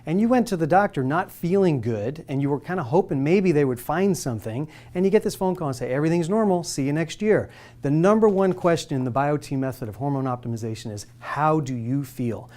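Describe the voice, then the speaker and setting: A man in his forties talks with lively, persuasive energy, his voice sitting a little high. He keeps asking the listener direct questions as he presents a health talk. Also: brisk. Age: 40s.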